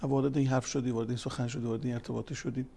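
A man's voice: medium pitch, flat delivery, vocal fry, warm tone, slight background noise. A man giving a religious talk, weaving counseling stories and scripture quotes, growing emphatic as he goes. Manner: storytelling, quoting scripture, grows emphatic. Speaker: family counselor and religious speaker.

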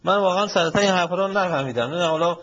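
Firm, polite husky male show host. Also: sits high, a bit bright, lo-fi sound. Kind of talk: studio moderation.

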